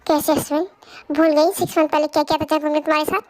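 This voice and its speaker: A resentful sister-in-law who scolds sharply, voiced by a woman. She sounds high-pitched and reproachful. The sound is close and dry, in a fan audio drama dub. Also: level tone, quick pace, darkish tone, dry recording, close to an everyday voice. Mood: scolding.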